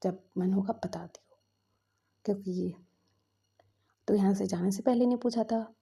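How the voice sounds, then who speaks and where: A woman voicing a middle-aged mother who scolds and sulks at her grown son, bossy yet doting. Her voice sounds dark and husky, with a gravelly crackle. It reads as a spoken storybook character. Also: medium pitch, moderate pace. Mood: hurt.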